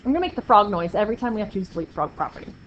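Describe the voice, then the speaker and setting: A woman teaches a math class in an upbeat, playful, encouraging way, her medium-pitched voice expressive and fairly bright as she talks rapid-fire. It's a classroom lecture, and the recording is muffled with faint background noise.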